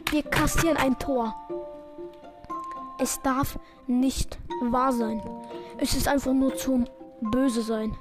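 A high-pitched woman talks through a video game match as it happens. Her play-by-play is excitable and self-mocking. Game music plays clearly underneath her voice. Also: slow pace, long pauses. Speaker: gaming video creator. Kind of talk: live gameplay commentary.

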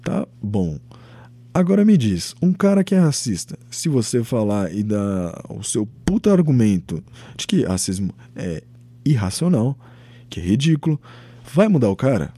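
A young Brazilian man hosting his own podcast, giving a rambling, animated opinion monologue, swearing freely and acting out quoted voices. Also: medium pitch, moderate pace, slightly rough, no echo. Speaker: podcast host.

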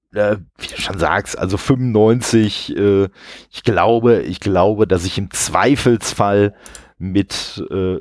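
A man's voice: low voice, no room sound, studio quality. A man in his forties hosting a casual podcast about retro games, chatty, with lots of fillers. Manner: chatty, many fillers, laughs often. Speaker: podcast host.

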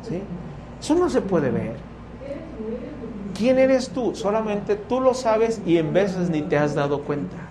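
A man with a Mexican accent teaching a youth Bible class, lively and constantly checking in with his listeners. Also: sits high, slow, long pauses, background noise. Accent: Mexican Spanish. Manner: animated, keeps asking "¿sí?" to check his listeners. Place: room with a live class.

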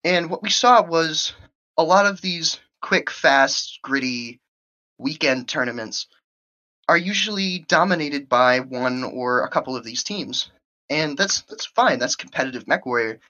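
Tournament organizer, woman, lively and quick, bright tone, lo-fi recording. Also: low-pitched. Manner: animated, quick bursts of speech. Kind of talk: casual podcast interview. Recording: muffled lo-fi audio.

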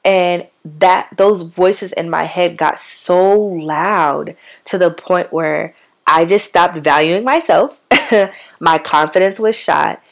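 A young adult woman with a raspy, slightly sick voice, talking bluntly and casually on her solo podcast with slangy asides. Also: fairly low pitch, takes it slowly. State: sick, hoarse voice. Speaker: podcast host.

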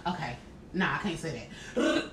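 Lively, animated woman storyteller. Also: low voice, moderate pace. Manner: animated, exasperated retelling with quoted voices. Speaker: podcast co-host telling a story. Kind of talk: casual storytelling chat. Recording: echoey room with faint noise.

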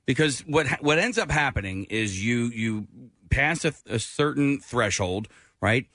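A man's voice: medium pitch, animated, measured pace, fairly bright tone, dry recording. Forties male co-host, rambling and self-deprecating, dry close mic, radio chat. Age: 40s. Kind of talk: casual chat.

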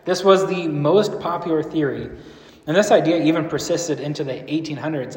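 A man teaching a group in a casual, rambling way, often asking the room questions. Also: on the high side. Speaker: church speaker teaching a series. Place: large room with a live audience. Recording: echoey hall with long reverb.

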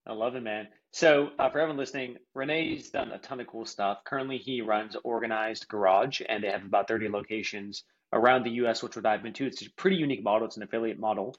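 A man's voice: on the low side, quick pace, few pauses, slightly rough, muffled recording. A man hosting a podcast, chatting in an upbeat, casual way. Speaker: podcast host. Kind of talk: casual interview.

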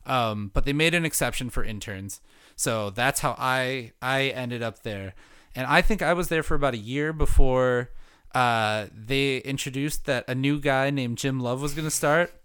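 A man's voice: mid-range voice, moderate pace, a bit bright, smooth, dry recording. A young man from Milwaukee chatting casually as a guest, easygoing, with many fillers and restarts. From Milwaukee, Wisconsin. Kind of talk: casual chat.

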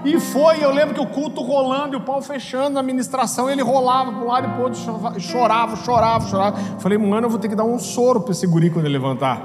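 A Brazilian man, a pastor, telling a story in a sermon with lively humor and acted-out voices. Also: extremely high pitch, fast, hardly any pauses. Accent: Brazilian Portuguese. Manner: animated, acts out voices, jokes. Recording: hall reverb with music behind.

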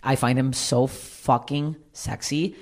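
A comedian from Canada, a woman, chatting candidly on a podcast in a blunt, profane, animated way. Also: a bass voice, slow pace, crowd noise. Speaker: stand-up comedian, guest.

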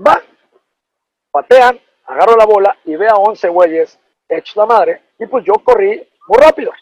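A man's voice: high voice, moderate pace, dry recording, poor audio. A middle-aged man with a Mexican accent, a former football player telling an anecdote in a casual, profane, slangy way. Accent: Mexican Spanish. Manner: animated, profane, slangy storytelling.

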